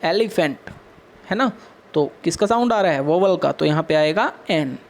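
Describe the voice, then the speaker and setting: A man's voice: on the high side, expressive, normal speed, a little hiss or hum. A man with an Indian English accent teaching young pupils, asking questions and answering them himself as he explains step by step. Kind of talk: classroom lesson for children.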